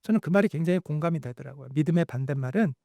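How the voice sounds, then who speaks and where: A male pastor preaching a sermon, telling stories with animated voices for the quoted lines. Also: on the high side, racing, creaky, no echo, clean studio sound.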